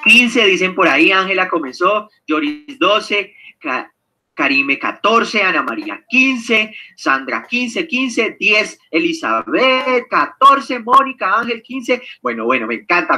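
Lively, bright-voiced man teaching. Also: sits high. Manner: lively, animated, engages the audience with questions. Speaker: seminar leader. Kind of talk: online seminar teaching.

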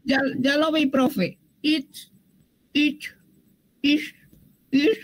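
A woman's voice: high-pitched, steady tone, very slow, rough recording. A woman taking a language class, hesitantly repeating words after her teacher. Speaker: student.

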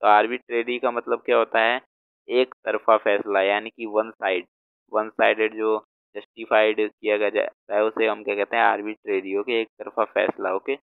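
A man teaching vocabulary in a class, going slowly and repeating each word as he writes it out. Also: fairly low pitch, little pitch movement, creaky, clear, resonant tone, no room sound. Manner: slow, repeats words while writing them out. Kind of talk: explaining word meanings in a class. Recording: tinny phone-like sound.

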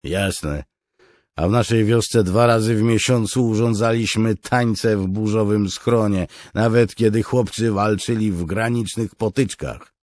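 A man voicing an easygoing, cheerful soldier in an audiobook, pitched higher than his narration. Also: measured pace, a little mellow, no room sound, clean studio sound, lightly acted. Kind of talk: audiobook character reading.

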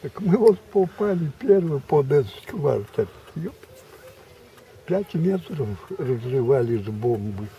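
An elderly man, a war veteran, telling a rambling grandpa story in a halting, repetitive, colloquial way. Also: a little high, very animated, mellow. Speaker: war veteran recounting memories. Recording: distant mic, muffled, background noise.

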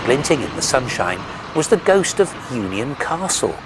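A man's voice: medium pitch, sing-song, normal speed, heavy background noise. A man reading scripted documentary narration with polished, dramatic storytelling phrasing.

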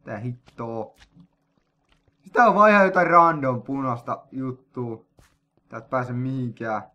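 Excitable young man, bright voice. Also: medium pitch, muffled recording. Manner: excitable, jokey, with sudden loud outbursts. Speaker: gaming video host. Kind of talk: let's play commentary.

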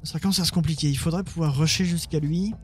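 A man's voice: fairly high pitch, fairly even intonation, fast, faint music behind. Man mumbling through a strategy game. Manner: muttering, self-mocking, talks to his units. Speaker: let's play gamer. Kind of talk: casual gameplay commentary.

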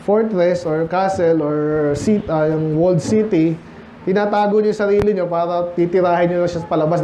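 A man with a Filipino accent preaching a midweek sermon, asking the congregation rhetorical questions and reading scripture slowly. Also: high-pitched, warm tone. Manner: reads scripture aloud slowly and deliberately. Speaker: pastor. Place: church. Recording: echoey church room, slightly dull sound, faint noise.

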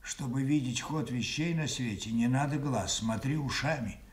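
An actor playing a mad old king, imperious and bitterly rambling, with deliberate, mocking declamation in a classical radio tragedy. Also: mid-range voice, lightly acted. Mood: bitter raving. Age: older. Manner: declamatory, deliberate, shifting between mockery and command.

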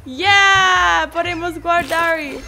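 High-pitched young woman playing a game. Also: extremely slow, creaky, pushed and bright. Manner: chatty, talks to game creatures, squeals and laughs when startled. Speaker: gaming video creator. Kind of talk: casual gameplay commentary. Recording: faint background game music.

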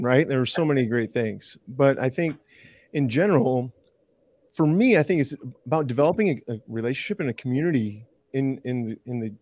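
A man's voice: medium pitch, darkish tone, dry recording. Eager Canadian man, dry close sound. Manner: eager, rambling, many restarts. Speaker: university director of bands, guest. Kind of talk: casual interview chat.

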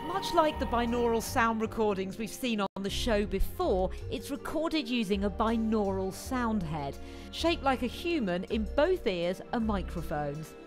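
A woman's voice: on the high side, animated, a little slow, music in the background. A woman with a British accent narrating a tech programme's report as the presenter. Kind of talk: scripted voice-over narration.

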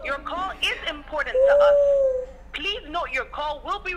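A woman's voice: very high voice, big pitch swings, moderate pace, muffled recording. A woman's recorded phone menu message, reading a formal greeting and numbered menu options for a customer service line. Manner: formal, evenly paced recorded announcement.

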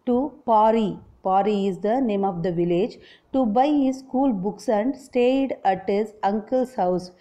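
A woman's voice: medium pitch, warm tone, low-quality recording. A woman explains a school English lesson as a teacher, repeating and rephrasing her points.

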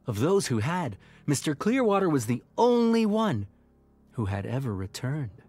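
A man narrating a children's audio story in a lively, expressive manner. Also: fairly high pitch, moderate pace, faint music behind.

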